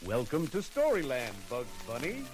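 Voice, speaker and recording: A man voicing a jolly old fairytale king with a hearty, booming manner on an old children's record, with music behind. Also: wildly swooping pitch, moderate pace. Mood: jovial.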